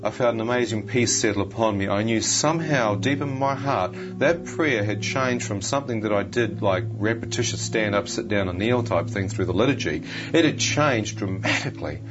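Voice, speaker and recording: Earnest guy telling his own story, low voice, dull audio, music behind. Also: moderate pace, hardly any pauses. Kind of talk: personal testimony narration.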